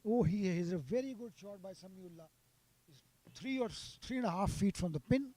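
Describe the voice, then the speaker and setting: Male golf commentator. High-pitched, very soft-edged mellow tone, sympathetic live calls. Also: expressive, moderate pace. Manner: sympathetic toward players.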